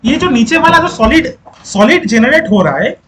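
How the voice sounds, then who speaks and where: A man's voice: very high-pitched, lively intonation, moderate pace, a bit bright, slight background noise, poor audio. A male teacher giving a lecture who repeats key points, quizzes the class and coaxes students to speak up.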